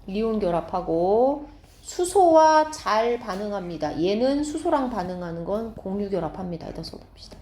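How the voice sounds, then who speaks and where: A woman science teacher giving a classroom lecture, explaining step by step and often asking students quick check questions. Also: mid-range voice, very animated, mellow, echoey room, slight background noise.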